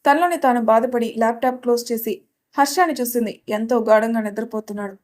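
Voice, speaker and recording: Woman storyteller, serial audio narration, steady pacing, higher pitch. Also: fast.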